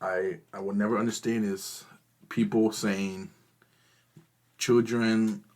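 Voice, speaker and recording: Low voiced guy on a podcast, kinda halting, keeps restarting sentences. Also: level tone, darkish tone. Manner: hesitant, halting, filler-heavy. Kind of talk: casual chat.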